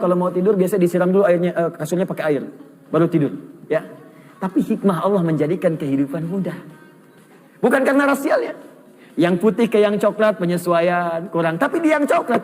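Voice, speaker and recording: A man from Indonesia delivering a lively, humorous sermon as an Islamic preacher. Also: sits high. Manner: lively, humorous, acts out snippets of foreign speech. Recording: hall reverb.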